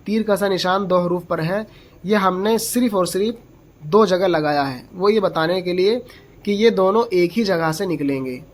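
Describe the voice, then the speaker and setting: A Quran reading teacher giving a slow, step-by-step pronunciation lesson, explaining where each letter is formed and repeating its sound aloud. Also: mid-range voice. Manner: patient, explains slowly and models each letter sound aloud several times; asks the learner short checking questions.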